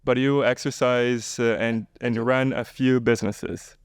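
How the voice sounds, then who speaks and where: A man's voice: mid-range voice, little pitch movement, unhurried, smooth, no echo, studio quality. A man hosting a podcast, introducing and questioning a guest in a conversational way. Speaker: podcast host. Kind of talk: conversational interviewing.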